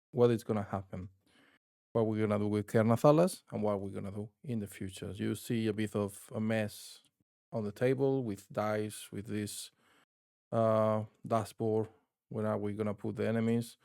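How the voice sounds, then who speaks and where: A man from Spain with a strong Spanish accent hosts his tabletop gaming channel, talking casually and rambling with many restarts and fillers. His voice is lowish, gravelly and dark, captured in a dry, studio-quality recording.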